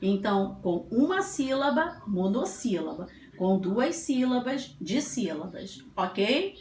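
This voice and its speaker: A woman's voice: medium pitch, big pitch swings, slow pace, a little mellow, a little hiss or hum. A woman teacher giving a children's classroom lesson, patient and sing-song, stretching out syllables as she sounds out words. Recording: echoey room, faint ambience.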